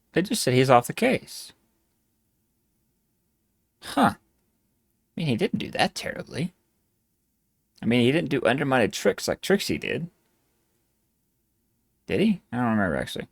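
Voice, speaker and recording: A woman comments casually as she reacts to a game, thinking out loud. Her voice is low but lively, dry and close with no room around it. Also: vocal fry, dry recording. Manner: chatty, musing aloud. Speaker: reaction video host.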